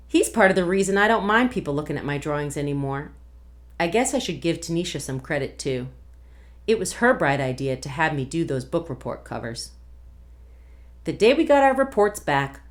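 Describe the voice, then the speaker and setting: A woman with a low voice visits a class as a guest reader and reads a novel aloud. Her delivery is expressive, like a storyteller's.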